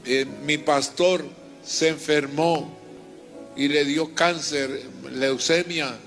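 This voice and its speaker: A man's voice: on the high side, fairly even intonation, takes it slowly, fairly bright tone, faint music behind. An older man, a reverend, giving a fervent personal testimony and retelling his story in repetitive, heartfelt bursts.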